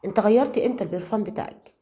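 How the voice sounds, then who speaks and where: A woman's voice: mid-range voice, rapid-fire, mellow, lightly acted. A woman with an Egyptian Arabic accent voicing a suspicious young man who works in intelligence, probing and insistent. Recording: slightly muffled lo-fi audio.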